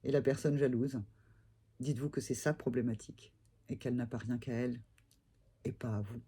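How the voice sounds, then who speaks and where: A man giving a gentle, reflective tarot reading and spiritual advice, hesitating often with filler sounds. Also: medium pitch, flat delivery, moderate pace, breathy edge. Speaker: tarot reader.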